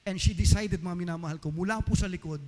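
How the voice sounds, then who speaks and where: A man's voice: high-pitched, quick pace, warm tone, big-room sound. A man preaching a fervent sermon and mixing in English, who keeps calling out to the congregation as his beloved. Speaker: pastor.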